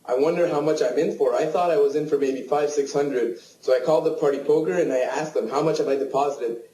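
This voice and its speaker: A man's voice: on the high side, brisk, warm tone, roomy sound, slight background noise, rough recording. A Canadian man, a poker player guest, telling his story frankly and plainly. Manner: frank, storytelling with self-deprecating asides. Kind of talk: casual interview answers.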